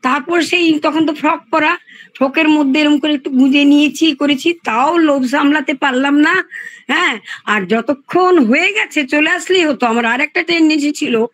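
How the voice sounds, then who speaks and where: An older woman with a high-pitched voice tells a childhood story in a lively, anecdotal way, bringing the shouted quotes to life. She is on a video call, and her recording sounds dry and close. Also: moderate pace, no room sound, rough recording. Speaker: participant in an elders' group chat. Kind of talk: casual storytelling.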